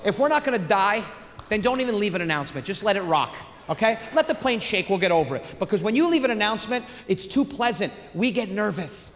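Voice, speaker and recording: A man's voice: sits high, animated, quick pace. A young man doing a brash, profane stand-up set on stage into a handheld mic. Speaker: stand-up comedian. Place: comedy stage in a theater. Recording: live hall reverb, faint crowd.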